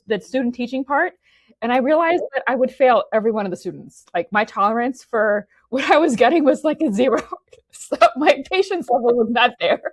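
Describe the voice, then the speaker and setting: This woman's voice sits high, and there's no room sound. A Romanian in her forties, she speaks chattily as an interview guest, full of restarted sentences and "okay?" tags.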